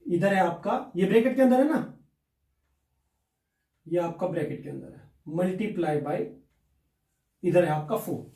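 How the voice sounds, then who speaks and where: A man teaches a maths lesson in a high voice. He talks the class through every step and keeps asking his own questions before he answers them. The sound is roomy and echoing, with the mic some way off. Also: unhurried, creaky, long pauses, dark tone. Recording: echoey room, mic at a distance.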